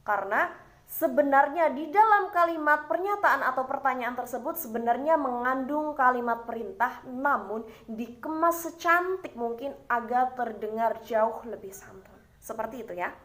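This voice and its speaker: High-voiced young woman explaining a lesson. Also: moderate pace, fairly bright tone. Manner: explanatory, frequent rhetorical questions and "nah" fillers. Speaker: university student presenting. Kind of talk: explaining course material.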